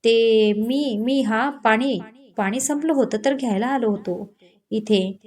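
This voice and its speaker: A woman's voice: fairly high pitch, slow, darkish tone. A woman voicing a flustered, defensive young husband in a read-aloud romance. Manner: stammering, defensive.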